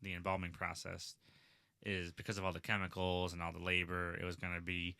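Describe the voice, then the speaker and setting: A man's voice: low voice, completely flat delivery, a little fast, vocal fry, bright, forceful tone, clear, resonant tone, no room sound, clean studio sound. A man co-hosting a podcast who asks curious, short follow-up questions in casual talk. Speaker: podcast co-host.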